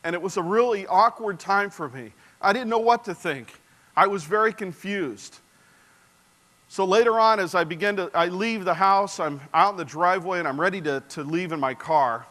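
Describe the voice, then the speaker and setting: Man, 40s, sermon storyteller: earnest, bright and a touch high, addresses the congregation directly. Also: moderate pace. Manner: earnest, drops to a soft hushed voice for tender moments; engages the audience directly.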